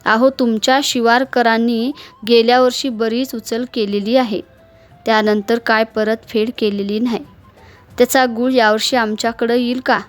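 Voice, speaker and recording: A wry, questioning market clerk, a middle-aged man who talks in rustic speech, voiced by a woman narrating a story. His voice sits a touch high, and faint music plays underneath. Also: flat delivery, normal speed, close to an everyday voice.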